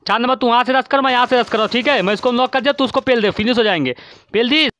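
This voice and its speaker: A man giving profane, frantic commentary while playing an online shooter, constantly shouting at his teammates, recorded on a dull lo-fi mic. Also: very high voice, rapid-fire. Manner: swearing, yelling at teammates. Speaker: gaming streamer.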